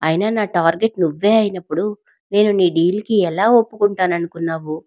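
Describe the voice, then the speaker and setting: A woman's voice: fairly low pitch, brisk, dark tone, no echo, lightly acted. A woman voicing a mysterious, taunting female blackmailer in an audio story, with a sarcastic edge and a dry, dull sound. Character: mocking mysterious woman blackmailer, laughing cruelly.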